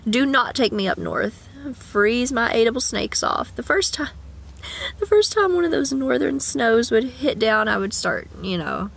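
Speaking slowly with husky vocal fry, this vlogger has a slightly high, animated voice. She's a young woman with a cough, rambling casually from a parked car to an arm's-length camera and dropping in sing-song asides.

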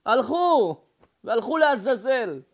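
A man, a rabbi, giving a fiery sermon to an audience, shouting warnings and acting out dialogues. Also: extremely high pitch, very animated. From Israel.

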